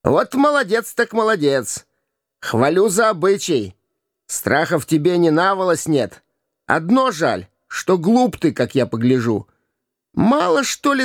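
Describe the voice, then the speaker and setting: A cunning vagabond boy who mocks and wheedles, as a male reader puts him on. The voice sits high above the reader's own and swoops about. It comes across close and dry, with a gravelly rasp. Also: dry recording. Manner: wheedling, jeering, pleading when begging. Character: sly mocking vagabond boy, cunning beggar.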